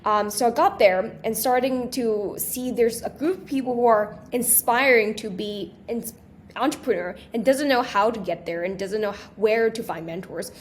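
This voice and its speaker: A woman's voice: a little high, moderate pace, slight background noise. A young woman from Taiwan, a guest on an interview show, chatting casually and eagerly with frequent restarts and fillers. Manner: animated, with many restarts and fillers. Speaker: guest, small business creator.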